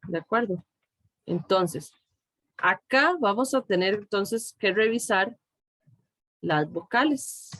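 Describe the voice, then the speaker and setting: A woman's voice: fairly low pitch, no echo. A middle-aged woman teacher with a Costa Rican Spanish accent, patiently explaining step by step in a recorded tutorial. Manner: slow, patient, explaining step by step with checks like "¿de acuerdo?".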